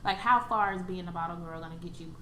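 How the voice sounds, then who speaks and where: A young adult woman appears as a podcast guest in a casual chat, blunt and opinionated and swearing casually. Her voice is lowish and her pace quick. The room is echoey, with faint ambient noise.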